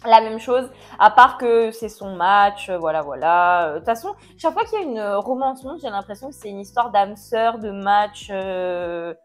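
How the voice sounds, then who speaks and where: A woman giving a casual book review chat, chatty and jokey, with mock dismay and quick self-corrections. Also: mid-range voice, expressive, soft background music.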